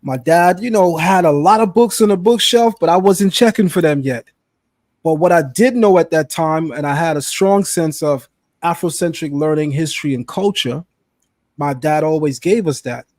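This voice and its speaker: A man's voice: fairly high pitch, normal speed, a little mellow, dry recording. A man hosting a live stream interview, upbeat and familiar, addressing his viewers as family. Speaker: host, interviewer.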